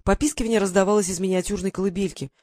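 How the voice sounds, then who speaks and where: A man reading a first-person adventure story aloud in steady storytelling style with dramatic lifts. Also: high-pitched, racing, no echo, clean studio sound. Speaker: audiobook narrator. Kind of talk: scripted first-person narration.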